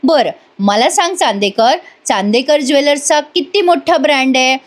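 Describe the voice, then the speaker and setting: Woman putting on a high-voiced mocking young woman, sarcastic, draws out her teasing. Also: moderate pace, natural voice.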